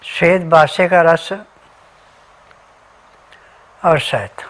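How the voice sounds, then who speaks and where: Taking it slowly, a man with a slightly high, fairly bright voice gives an instructional health talk as a remedy advisor, carefully listing ingredients and diet rules one by one.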